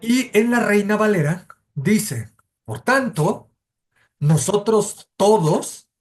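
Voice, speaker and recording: In a church Bible study class, the teacher, a man with a Mexican Spanish accent and a high-sitting voice, lays things out in orderly steps. He frequently halts to set his own statements straight.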